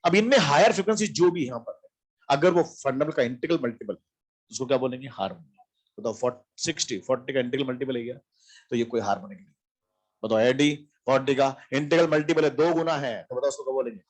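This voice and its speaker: A man's voice: medium pitch, fast talker. A man teaching a physics lesson, repeating key terms and answering his own questions. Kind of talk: classroom lecture.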